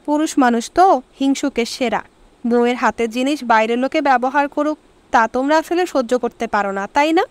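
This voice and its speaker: A woman's voice: sits high, fairly quick, dry recording, close to an everyday voice. A woman voicing a playful young wife who teases her husband in a storybook reading. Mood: teasing. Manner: teasing, coaxing.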